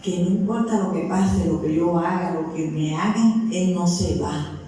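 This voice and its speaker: A woman's voice: fairly low pitch, unhurried, warm tone, slight background noise. Woman pastor preaching in an echoey church. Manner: earnest, personal storytelling; addresses listeners as brother. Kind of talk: sermon. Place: church sanctuary with congregation. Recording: echoey hall from far off, faint music.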